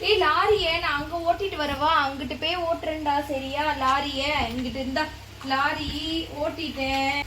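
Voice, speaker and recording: Very high-voiced bright mother teasing. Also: normal speed, reverberant, slight background noise, rough recording. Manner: animated teasing and mock scolding. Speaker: mother pranking her son, family vlogger. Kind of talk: casual home vlog.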